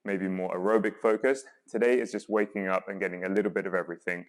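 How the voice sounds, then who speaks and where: A man's voice: low voice, fairly even intonation, quick pace. A man leading guided exercise as a workout instructor, coaching in an encouraging, reassuring way with counts and cues. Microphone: worn mic while exercising.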